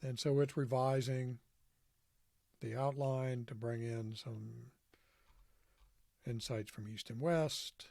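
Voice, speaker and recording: A man talks through a screen demo in an offhand, self-deprecating way, thinking aloud as he goes. His voice is dark and gravelly. The sound is dry and close, with no room echo. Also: mid-range voice, steady tone, takes it slowly, pauses often. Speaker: podcast host demonstrating software. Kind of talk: screen-recorded tutorial walkthrough.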